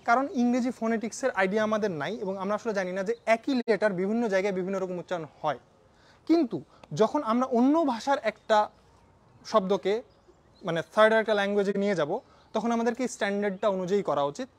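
A man's voice: high voice, quick pace. A man with a Bangladeshi Bengali accent lecturing a university phonetics class in a conversational way, dropping English phrases into his talk and putting questions to the students.

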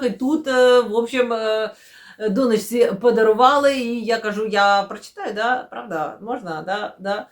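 A woman talking casually about new books, rambling with many fillers and self-corrections, and often dropping into quiet, murmured asides. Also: on the high side. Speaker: book vlogger. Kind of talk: casual chatty book unboxing.

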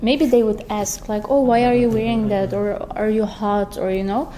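A young woman in her twenties from Turkey and the Netherlands, chatting casually as a guest, lively and acting out what others say. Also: normal speed, slight background noise. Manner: animated, acts out quotes in a higher voice. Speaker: guest answering questions. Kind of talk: casual chat. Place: large lecture hall, indoors. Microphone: camera in front, seated at a desk.

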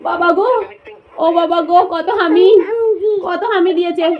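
Cooing young mother, high voice. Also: little pitch movement, moderate pace, a crowd in the background. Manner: sing-song, cooing and teasing. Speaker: mother talking to her little son. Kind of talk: playful baby talk at bedtime. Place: bedroom at night. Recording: dull lo-fi phone audio with background noise.

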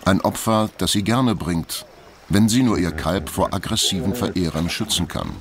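A man reading scripted nature documentary narration in a measured, factual storytelling manner. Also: deep voice, very noisy.

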